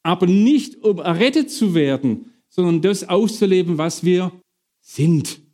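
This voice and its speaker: A middle-aged man preaching a sermon to his congregation, lively, questioning and bantering with the listeners. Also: high-pitched, measured pace.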